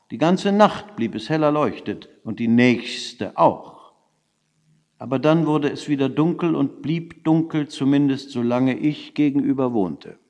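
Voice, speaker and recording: A man narrating a literary story in the first person, measured, hushed and intent. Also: medium pitch. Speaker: audiobook reader. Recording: long reverb.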